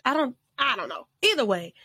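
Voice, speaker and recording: A woman's voice: high-pitched, very animated, fairly quick, sharp tone, breathy edge, no room sound, clean studio sound. A woman co-hosting a casual podcast, telling a story in a rambling way with many restarts and laughs. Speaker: podcast co-host. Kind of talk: casual chat.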